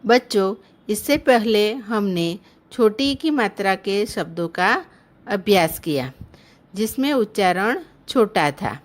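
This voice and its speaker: A woman teaching children in an online lesson, sounding out words syllable by syllable in a gentle, explaining tone. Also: mid-range voice, animated. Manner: drawn-out, careful syllable-by-syllable pronunciation. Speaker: primary school teacher.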